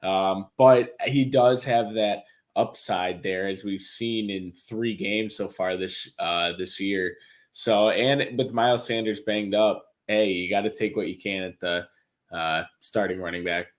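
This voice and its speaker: A man with a slightly low voice, talking in an easygoing way on a sports podcast. He weighs his picks slowly, with frequent ums. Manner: relaxed, hedging opinions with ums. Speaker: podcast co-host. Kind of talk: fantasy football podcast chat.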